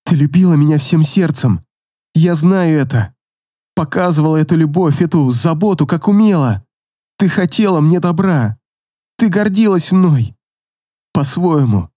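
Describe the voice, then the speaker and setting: A man's voice: a little high, animated, a little slow, warm tone, dry recording, studio quality. A man voicing a hurt young woman in an audiobook, speaking in a strained, wavering way. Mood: tender. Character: hurt young woman, quietly defiant heroine. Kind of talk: audiobook character voice.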